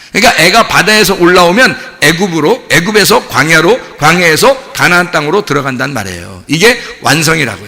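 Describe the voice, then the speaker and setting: A male pastor preaching a sermon in a lively, colloquial way, often asking the congregation rhetorical questions. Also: sits high. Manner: colloquial storytelling with vivid examples. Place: church sanctuary. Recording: long church hall reverb.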